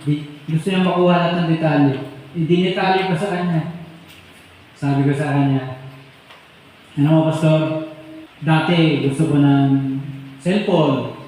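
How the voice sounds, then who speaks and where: A man's voice: on the high side, a little mellow. A man pastor delivering an impassioned sermon, fervently calling out to his congregation for response. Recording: echoey hall with long reverb.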